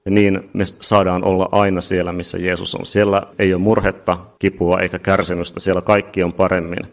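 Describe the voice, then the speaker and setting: A man preaching a sermon, emphatic and building to shouts at key points. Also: sits low, level tone. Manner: emphatic, rising to shouts at climaxes.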